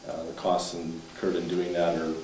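A man with a very low voice gives a matter-of-fact report to a town council, stopping and restarting as he talks. He is picked up from across an echoey chamber on a distant mic. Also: completely flat delivery, moderate pace. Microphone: far room mic. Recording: echoey room, distant mic, faint hiss.

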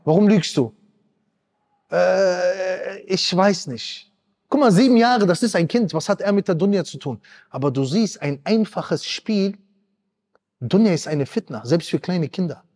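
A man's voice: lively intonation, moderate pace, a little mellow, husky. A man in his thirties giving an emotional sermon, impassioned and pleading, addressing the congregation directly. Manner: impassioned, rising to high pleading cries. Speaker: preacher. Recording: long reverb hall.

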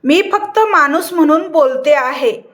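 A woman reading the lines of a steady, direct young nurse in a storybook reading. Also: high-pitched, measured pace. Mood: firm.

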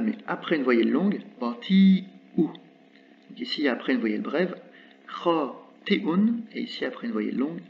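A man explaining Arabic letters in French, patiently repeating example words slowly with small hesitations. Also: medium pitch. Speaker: Arabic teacher. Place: indoors with birds audible outside. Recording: slightly dull recording with faint background noise.

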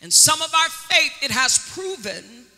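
Forceful woman preaching slowly in a hall. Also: sits high, very animated. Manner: dramatic drawn-out emphasis, call-and-response. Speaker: prophetess preaching. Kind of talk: sermon. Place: church sanctuary. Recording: long church hall reverb.

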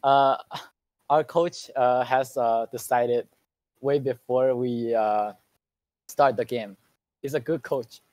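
A man interviewed after winning a match, answering in short, halting sentences. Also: mid-range voice, fairly even intonation, a little mellow, no echo. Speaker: player being interviewed.

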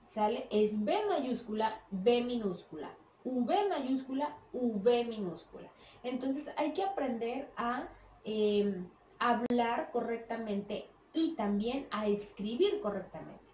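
A woman teacher with a Mexican Spanish accent explains a lesson at an unhurried pace, often stopping to ask whether her students follow. Her slightly high voice is picked up from some distance. The room around her is echoey, with a faint murmur of background sound. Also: expressive, a little mellow, a little hiss or hum. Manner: checks understanding with frequent "¿sí?" and "¿sale?". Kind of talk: classroom lesson.

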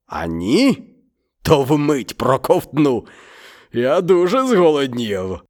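A man voicing an ungrateful, hungry male tiger in a storybook reading, growly and drawn-out, with soft music behind. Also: medium pitch, huge pitch swings. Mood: gloating.

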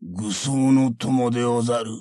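A man voicing a calm, mocking monk who is secretly a ninja, speaking slowly in archaic, quietly taunting phrases. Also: medium pitch, no echo, close to an everyday voice.

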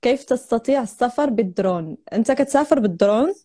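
Hosting a live video chat indoors at home, a young Moroccan Arabic-accented woman talks fast in a slightly high, warm voice with lively intonation. She swaps stories casually and laughs frequently, picked up by her laptop or phone camera.

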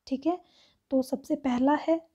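A woman teacher, reading exam questions aloud slowly and explaining each answer step by step. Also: sits high, fairly even intonation, mellow. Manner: slow, reads English questions aloud word by word then explains in Hindi. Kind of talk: exam-prep lesson.

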